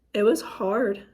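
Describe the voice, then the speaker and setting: A hoarse woman, sick for a while, telling a painful personal story in a halting, emotional vlog. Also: on the high side, dark tone. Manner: emotional, halting, many fillers. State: hoarse from illness. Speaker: vlogger.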